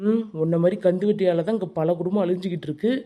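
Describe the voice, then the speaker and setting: A woman's voice: fairly low pitch, fast, warm tone, close to an everyday voice. A woman voicing a bold, protective village friend in a Tamil cartoon, talking bluntly and defiantly with a Tamil accent.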